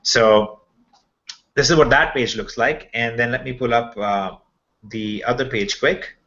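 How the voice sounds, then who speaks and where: A man with a bright, forceful voice walks viewers through a screen share on a video call. He explains informally, step by step, often pausing to check they follow. The audio is slightly dull and lo-fi. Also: mid-range voice. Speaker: presenter of a members' update webinar.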